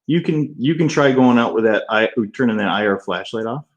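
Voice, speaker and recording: A man with an average-pitched voice talks casually during a live stream. He sounds like a crew member, passing on questions and short practical directions. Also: animated, a little fast, dull audio. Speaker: investigation team member running cameras and relaying viewer questions.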